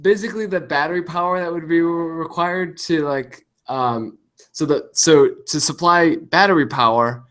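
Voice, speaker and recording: A man's voice: on the high side, moderate pace, fairly bright tone. A man talking casually as a podcast guest, his voice coming through a staticky call with a glitchy, half-robotic distortion, rambling with lots of fillers and restarts. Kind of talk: casual chat over a call.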